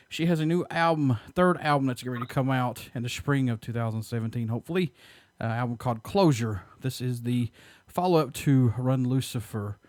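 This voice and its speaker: A man hosts an interview show in an upbeat way, working through prepared questions. His voice sits at an ordinary pitch for a man. The recording is dry, with no room sound. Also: a little mellow, no echo. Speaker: host.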